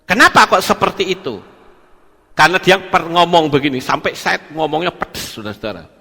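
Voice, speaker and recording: A man's voice: on the high side, a little fast, vocal fry. A male pastor preaching a sermon to his congregation, talking animatedly and acting out conversations. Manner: animated preaching, acting out dialogue, repeated "saudara-saudara". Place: church hall. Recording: long reverb of a large hall.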